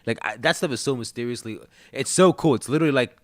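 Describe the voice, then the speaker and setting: A young man co-hosting a casual livestream chat, rambling and stumbling over his words with animated enthusiasm. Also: medium pitch, fast.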